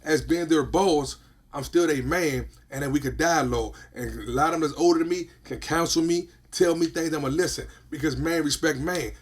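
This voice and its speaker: A man's voice: fairly high pitch, moderate pace. A man, a podcast host chatting casually and emphatically, often repeating "you feel what I'm saying". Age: 40s. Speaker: podcast host and business owner.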